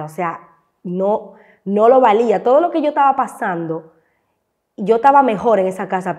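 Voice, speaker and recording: A woman with a Dominican accent, a content creator, sits as a guest on a talk show and relates her life story with emotion, performing the voices she recalls. Her voice is on the low side and warm.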